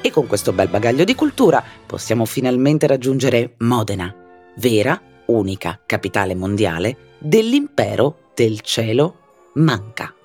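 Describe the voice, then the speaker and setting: A man narrating a scripted story in a theatrical, lively way, with ironic asides. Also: mid-range voice, normal speed, soft background music.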